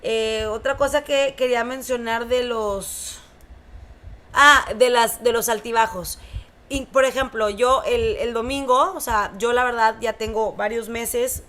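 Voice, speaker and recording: Animated Mexican woman, higher voice. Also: a little slow. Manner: animated storytelling with many fillers. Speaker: podcast host. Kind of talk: casual chat.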